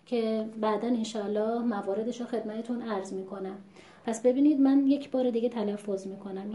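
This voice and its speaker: A woman teaching Quran recitation in a measured, patient lesson, stopping to sound out words as examples. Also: on the high side, warm tone. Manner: measured, patient, demonstrates pronunciations aloud. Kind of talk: explanatory lesson. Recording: echoey room.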